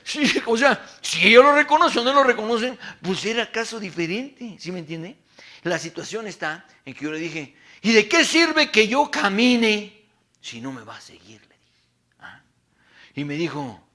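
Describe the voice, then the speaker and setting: Middle-aged pastor, bright, sharp tone, animated preaching with rhetorical questions. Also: male voice, high voice. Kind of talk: sermon to a men's conference.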